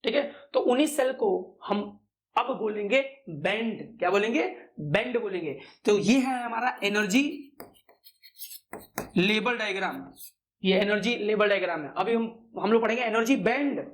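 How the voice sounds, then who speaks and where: A male physics teacher lectures in a chatty way. He asks quick questions and answers them himself. He repeats the key terms again and again. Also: high voice, animated. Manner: chatty asides, calls students "brother". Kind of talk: classroom-style lecture.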